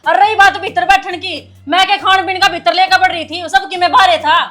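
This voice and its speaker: A woman's voice: extremely high pitch, flat delivery, fairly quick, pushed and bright. An actress playing a defiant young daughter arguing with her father, speaking with a Haryanvi accent. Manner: argumentative, defiant.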